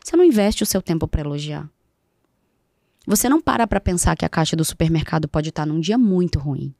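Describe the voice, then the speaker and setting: A woman's voice: sits low, lively intonation, brisk, creaky, dark tone, no room sound, clean studio sound. A woman, a podcast guest talking in an emphatic way and repeating key phrases for weight. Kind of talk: conversational interview talk. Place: podcast studio.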